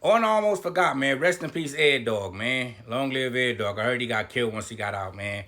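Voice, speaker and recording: A man's voice: mid-range voice, expressive, brisk, sharp tone. A man telling a personal story in a casual, profane, slang-heavy way. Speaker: vlogger. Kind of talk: storytime monologue.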